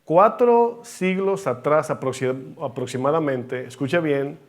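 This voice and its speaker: A man's voice: a little high, slow. A man preaching a sermon as pastor, speaking directly to the congregation and acting out the voices in the stories he tells. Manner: preaching, addresses the congregation as brothers, acts out quoted voices.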